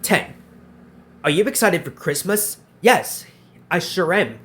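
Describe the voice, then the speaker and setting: Answering viewer questions on his casual Q&A channel, this twenty-something man frequently repeats himself and starts phrases over. His voice is high and a bit bright, slow, with lively intonation.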